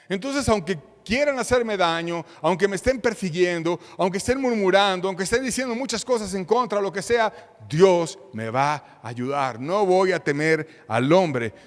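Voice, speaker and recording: A man's voice: high voice, big-room sound. A man pastor preaching an earnest sermon, repeating phrases and reading scripture aloud. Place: church hall.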